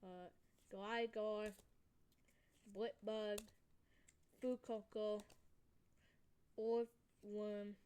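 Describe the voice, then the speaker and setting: A woman hosting a casual card-opening vlog, talking haltingly with many ums as she reads out card names. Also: mid-range voice, level tone, warm tone, clean tone. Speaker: channel host.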